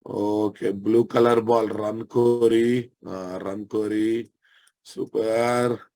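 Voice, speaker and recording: A software instructor with an Indian Telugu accent teaches a live technical lesson, repeating every phrase and checking that listeners are following. His voice is on the low side, and his delivery is flat and slow.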